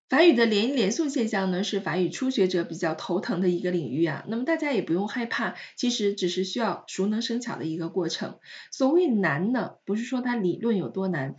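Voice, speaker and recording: A woman in a recorded language lesson teaches French pronunciation with patient, step-by-step explanations. Her voice sits at a middle pitch, and she slows down to repeat example words clearly. The recording sounds a little dull and lo-fi.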